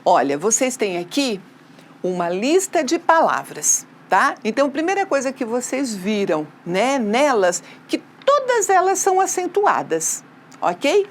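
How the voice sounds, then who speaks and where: A woman's voice: on the high side, sing-song, a little slow. A Brazilian woman teaching a remote school lesson, asking the class questions and answering them herself, with frequent tag questions. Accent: Brazilian Portuguese.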